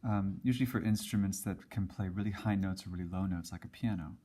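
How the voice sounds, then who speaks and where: A man's voice: sits low, quick pace, dark tone, slightly rough. A man teaching a casual music lesson, explaining at a whiteboard with frequent ums and restarts.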